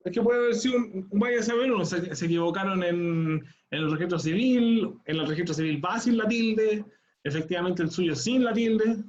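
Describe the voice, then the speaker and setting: High-voiced male teacher explaining. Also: moderate pace, a little mellow, dull audio. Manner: patient, explanatory, frequent "¿ya?" check-ins. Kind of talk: online class instruction.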